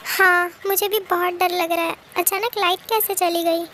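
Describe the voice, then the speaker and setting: A woman's voice: very high voice, flat delivery, moderate pace, a little hiss or hum. A woman voicing a panicky young woman friend. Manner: fretful, hushing.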